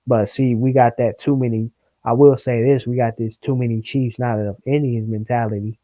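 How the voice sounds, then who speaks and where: A man's voice: medium pitch, fairly even intonation, a little fast, dark tone, no echo, low-quality recording. A young man in a casual talk, earnest and preachy, rambling a little and using plenty of slang. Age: young adult. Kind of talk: casual discussion.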